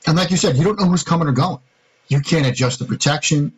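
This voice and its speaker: A man's voice: fairly high pitch, quick pace, dull audio, slight background noise. A man co-hosting a sports podcast, talking through defensive schemes step by step in a casual, analytical way. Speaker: podcast co-host, football analyst.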